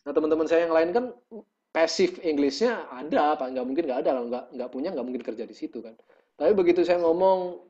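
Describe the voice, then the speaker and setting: A man's voice: a little high, fast. Man on a dull lo-fi video call. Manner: lively storytelling, acts out quotes. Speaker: guest musician. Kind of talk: casual video-call conversation.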